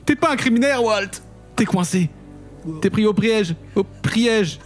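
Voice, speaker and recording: A man's voice: sits high, lively intonation, measured pace, faint music behind, voice pushed up. A man reading the part of a worried wife pleading with her husband.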